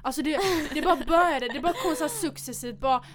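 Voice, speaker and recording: A young woman co-hosting a casual chat show from a school studio, telling stories in a lively way and swearing casually. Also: sits high. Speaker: podcast co-host.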